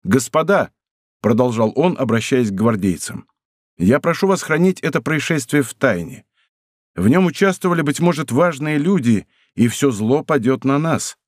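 A man's voice: mid-range voice, lively intonation, moderate pace, no room sound, studio quality, close to an everyday voice. A man voicing a young impetuous guardsman. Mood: earnest urgent. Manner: urgent, earnest. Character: young impetuous male guardsman, earnest and alarmed.

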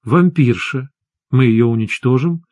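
A man's voice: medium pitch, measured pace, darkish tone, dry recording, clean studio sound, lightly acted. A man voicing a weary, stern sorceress. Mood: grave.

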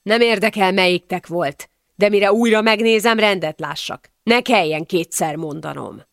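A woman's voice: medium pitch, creaky, a bit bright, dry recording, clean studio sound. A woman voicing a harsh-tempered male overseer in an audiobook, scolding sharply.

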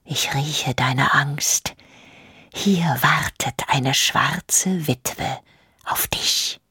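A woman's voice: medium pitch, sing-song, normal speed, no echo, studio quality, voice pushed up, close to an everyday voice. A woman voicing a proud, vengeful queen who answers with cold, cutting scorn in an audiobook reading. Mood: menacing whisper. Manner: scornful, sharp retorts. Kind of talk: audiobook character voice.

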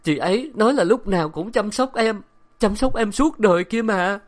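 A man's voice: medium pitch, expressive, normal speed, natural voice. A man voicing a fragile, unstable middle-aged wife who mutters the same words over and over. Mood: sobbing. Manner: repetitive, dazed muttering.

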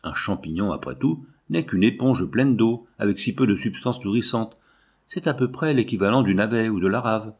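A man's voice: fairly low pitch, expressive, normal speed, darkish tone, husky. A man reading the part of a bitter, weary old male scholar who grumbles and reasons aloud. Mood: puzzled.

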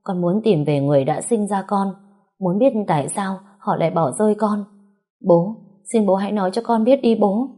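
A woman's voice: medium pitch, moderate pace, mellow, pitched above the performer's own voice, lightly acted. A woman voicing a young adult daughter who pleads through tears, in a storybook reading. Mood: pleading. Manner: sobbing, pleading.

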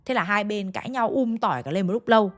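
Speaking fast with lively intonation, this young Hanoi woman chats her way through a ghost story aimed straight at her listeners. Her pitch sits in the middle range.

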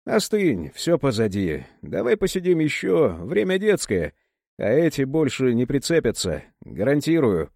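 A man voicing a nervous young man who talks in a hurried, placating way. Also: mid-range voice, huge pitch swings, vocal fry, a little mellow, dry recording, clean studio sound, exaggerated voice. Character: nervous eager young man smoothing things over.

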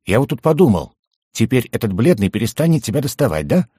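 A man's voice: medium pitch, very animated, quick pace, dark tone, slightly rough, no echo, voice pushed up. A man voicing a mischievous young male goblin jester with a cheeky, pestering manner, in a dry, close recording. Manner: cheeky, pestering, innocent-sounding.

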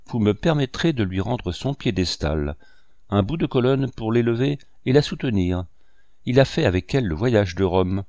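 A man's voice: fairly low pitch, animated, normal speed, a little mellow, dry recording. A man voicing an eager, courteous young man in a storybook reading. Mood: earnest.

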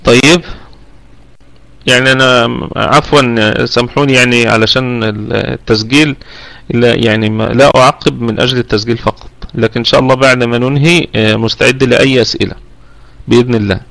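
Egyptian sheikh teaching tajweed slowly. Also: male voice, mid-range voice, steady tone, creaky, fairly bright tone, no echo, low-quality recording. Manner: explains slowly, stretching out the words he demonstrates; frequent drawn "aah" fillers between points. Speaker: Quran recitation teacher. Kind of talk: online tajweed lesson.

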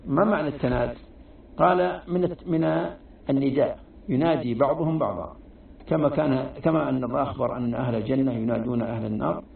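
A man teaching a religious text lesson, explaining slowly and often restarting his words. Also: mid-range voice, gravelly, slight background noise. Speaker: Islamic scholar teaching tafsir. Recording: tinny, echoey, from far off.

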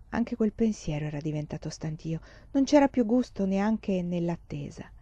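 A woman narrates a novel aloud in a slow, calm, expressive way. Her voice is warm and mellow. The recording is dry, close and somewhat dull. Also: medium pitch, dry recording. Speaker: audiobook reader. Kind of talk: scripted narration.

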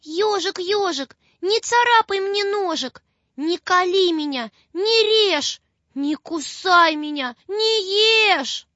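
A woman voicing a frightened little girl who pleads tearfully in a high voice. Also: animated, measured pace, a bit bright, no room sound, dull audio, full character voice. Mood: frightened pleading.

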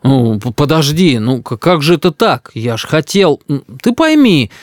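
A man's voice: a little high, sing-song, moderate pace, no echo, clean studio sound. Man doing a stammering flustered old grandpa. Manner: stammering, mumbling.

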